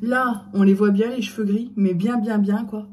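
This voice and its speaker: A woman's voice: mid-range voice, steady tone, moderate pace, mellow, a little hiss or hum. A middle-aged woman chatting casually in her vlog, self-mocking and hesitant, often trailing off with fillers. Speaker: vlogger.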